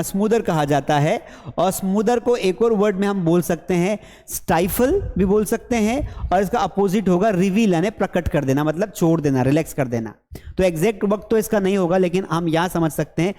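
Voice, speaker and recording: A man runs an exam-prep vocabulary lesson, asking questions and then answering them himself. His voice is fairly high but dark and mellow. A long reverb trails behind every word, like a hall. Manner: repeats each word with quiz questions to students. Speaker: English teacher.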